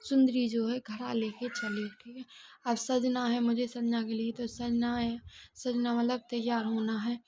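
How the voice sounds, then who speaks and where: A woman's voice: on the high side, a little mellow, lo-fi sound. A woman teaching a Hindi grammar revision lesson, explaining by asking and answering her own questions.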